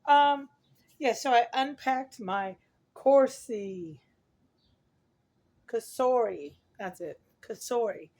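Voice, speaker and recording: A middle-aged woman with a hoarse voice from talking a lot, chatting casually and ramblingly to her viewers as she corrects herself. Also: fairly high pitch, slow pace, long pauses, a little mellow. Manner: rambling, self-correcting, chuckles at own remarks. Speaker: vlogger. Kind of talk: casual chat to camera.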